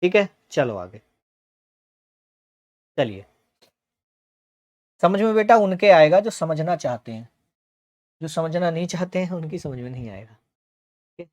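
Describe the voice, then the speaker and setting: A man teaching a shorthand class, calling students beta and bhaiya and repeating each word slowly for dictation. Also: on the high side, expressive.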